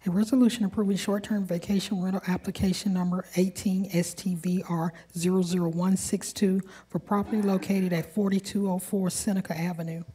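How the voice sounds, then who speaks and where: A woman's voice: lowish voice, level tone, fairly quick, hardly any pauses, warm tone, slightly rough, low-quality recording. A woman clerk formally reading official resolutions aloud. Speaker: city clerk.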